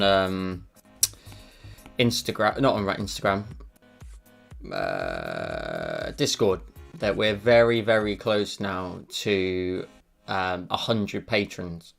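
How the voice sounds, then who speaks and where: Taking his time, a digital art streamer chats with viewers while teaching a live drawing session, reading and answering their messages. His voice is lowish and gravelly yet fairly bright, with lively intonation; he uses a desk mic and headphones, and faint music plays.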